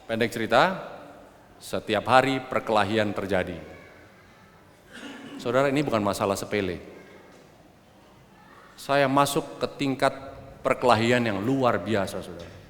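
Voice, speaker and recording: A middle-aged man preaching a personal testimony sermon, addressing the congregation directly and swinging between loud outbursts and quiet asides. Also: fairly low pitch, measured pace, long pauses. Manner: addresses the congregation as brothers and sisters. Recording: long hall reverb.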